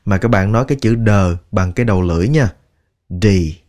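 A man teaching English pronunciation, drilling each word slowly and repeating it many times. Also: fairly low pitch, a little mellow. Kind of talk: slow, deliberate pronunciation lesson.

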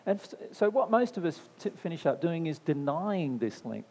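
A man's voice: a little high, sing-song, moderate pace, a little mellow, husky. A man giving a spiritual talk to a live audience, answering their questions in a conversational way, often checking in with "right?" and repeating phrases for emphasis. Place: discussion venue, indoors. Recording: long hall reverb.

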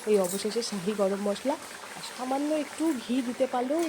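Quick-talking nasal woman with a cold. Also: a little high, noisy background. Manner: rambling, homely, talks to viewers. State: congested from a cold. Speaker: home vlogger. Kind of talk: chatty voice-over narration. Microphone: voice-over.

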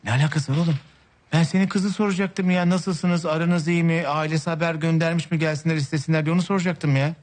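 A man's voice: on the high side, steady tone, fast talker, a little mellow, close to an everyday voice. An actor playing a scheming, lazy man who wheedles his wife and brother with melodramatic complaints. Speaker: actor in a TV comedy series.

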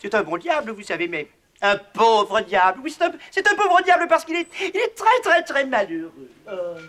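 An actor playing a gentle, timid, naive clown in a children's TV comedy, hesitant and repeating himself. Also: male voice, very high voice, big pitch swings, moderate pace, full character voice. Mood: gentle musing.

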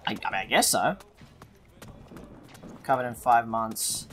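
A man co-hosting a let's play in a loose, casual way. He reads facts aloud, laughs and swears often. Loud game music plays under his voice. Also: medium pitch, animated, measured pace. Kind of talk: casual gaming commentary.

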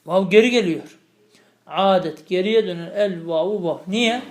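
A man's voice: high voice, measured pace, roomy sound. A male teacher lecturing on grammar, repeating each term and checking with students through questions. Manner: explains by repeating terms and asking students questions. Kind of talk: lecturing on classical Arabic grammar.

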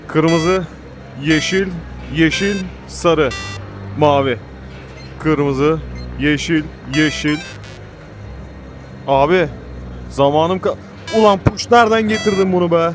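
A man giving excited, panicky commentary while playing a game, swearing and shouting at it. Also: on the high side, slow pace, long pauses. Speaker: gaming YouTuber. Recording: game music playing behind.

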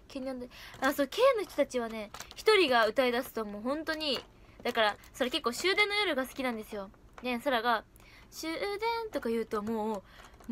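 A woman's voice: a little high, a bit bright, slight background noise. A young woman casually chatting on a livestream, giggling often as she reacts to viewer comments. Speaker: idol livestream host.

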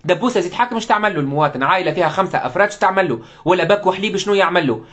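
Tunisian guy ranting live, talks super fast, voice a bit high, keeps asking angry rhetorical questions. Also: lively intonation, fairly bright tone. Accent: Tunisian Arabic. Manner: mixes in French words. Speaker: political commentator. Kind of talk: live monologue commentary.

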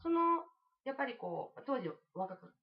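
A woman's voice: high voice, very animated, normal speed, faint music behind. A woman hosting a live-streamed talk show, chatty and exclamatory as she interviews her guests. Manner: chatty, exclamatory, laughing often. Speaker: host. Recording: dull lo-fi live stream audio.

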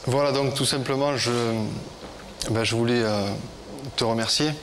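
A man's voice: medium pitch, steady tone, moderate pace, noisy background. Hesitant man with a Parisian French accent. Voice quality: hesitant speech. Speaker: guest. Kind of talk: heartfelt unscripted talk. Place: television studio with audience.

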